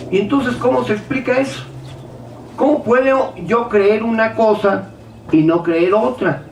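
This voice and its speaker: A man preaching a sermon in a high, bright register, heard from some way off the microphone. He keeps firing rhetorical questions and acts out the doubts of his listeners. The church hall echoes around him, with a faint room hum behind. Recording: echoey hall, speaker far from mic.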